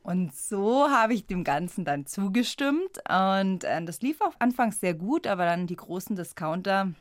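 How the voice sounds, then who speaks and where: A woman from the Munich area talks as a radio guest, chatty and quick to laugh. Her voice sits at a middle pitch. The studio sound is dry and close. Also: expressive, no room sound. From Munich area, Germany. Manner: chatty storytelling, frequent laughs. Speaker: guest, squirrel rescuer. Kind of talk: radio interview.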